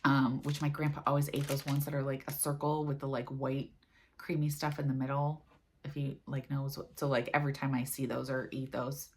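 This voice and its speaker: A woman's voice: very deep voice, level tone, fairly quick, a little mellow, slight background noise. An American woman chatting casually about her cross-stitch project, rambling and dropping lots of fillers. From United States. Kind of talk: casual chat.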